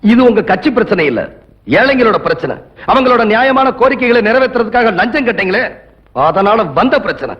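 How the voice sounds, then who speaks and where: Righteous young rebel, high animated voice. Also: male voice, a little fast. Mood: accusing. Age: young adult. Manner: firm, moralizing, challenging. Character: defiant, righteous young male champion of the poor. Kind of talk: dramatic Tamil film dialogue. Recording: dull lo-fi film soundtrack.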